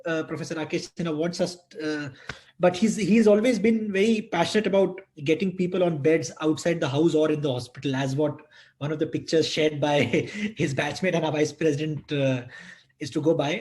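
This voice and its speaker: A man with an Indian accent moderating an online talk, formal and deferential, in a wordy, hesitant way. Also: on the high side.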